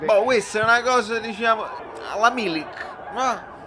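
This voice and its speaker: Male Neapolitan football reactor, slightly high voice, slangy exclamatory live commentary, clear crowd noise behind. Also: moderate pace. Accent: Neapolitan Italian. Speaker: football fan doing a live match reaction. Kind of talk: casual spontaneous match commentary. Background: football match broadcast with crowd.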